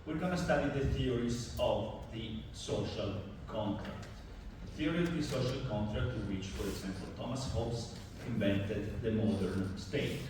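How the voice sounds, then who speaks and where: A man's voice: lowish voice, unhurried, hardly any pauses. A man, lecturing informally to a university class and repeating himself as he explains. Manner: informal, repeats words while teaching. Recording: echoey classroom from far off with noise.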